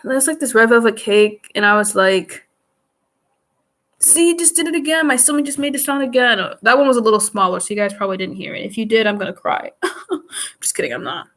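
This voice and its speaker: A woman's voice: a little high, fairly quick, fairly bright tone. Chatty, giggly young woman vlogger. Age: young adult. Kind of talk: casual chat to viewers. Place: home. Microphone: computer mic up close.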